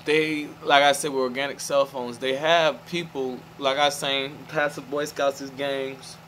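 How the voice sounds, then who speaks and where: Talking to the camera, a man wanders through a loose monologue, often restarting his sentences and asking "you feel me" to check in with his listener. His delivery is flat, medium-pitched, a little slow, and a bit bright. The recording is low-quality, with a little hiss or hum.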